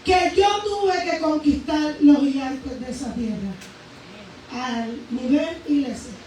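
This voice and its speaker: A woman preacher giving a fervent testimony in a sermon, emphatic and swinging between raised and hushed speech. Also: sits high, slow. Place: church sanctuary. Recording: very echoey church hall, voice from far off, faint noise.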